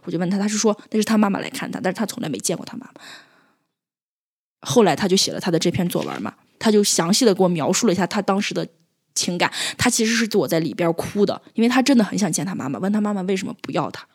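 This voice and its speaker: A woman in her twenties who teaches at a village school recounts moments with her pupils. Her pitch rises and falls widely, and she is openly emotional. She often stops and restarts when words fail her. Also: breathy edge. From Northwest China. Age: 20s. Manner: emotional, animated, halting restarts when upset. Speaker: rural primary school teacher. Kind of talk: personal storytelling interview.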